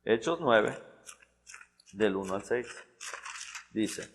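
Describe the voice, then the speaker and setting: A man's voice: fairly low pitch, expressive, very slow. A man preaching a sermon in a church hall, in a conversational style full of restarts and repeated words.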